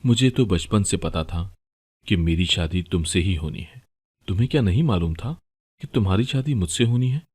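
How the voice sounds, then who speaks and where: Guy voicing a strict young husband, sharp and scolding, deep husky voice. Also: expressive, normal speed. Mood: earnest. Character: stern young husband, devoted to his sisters.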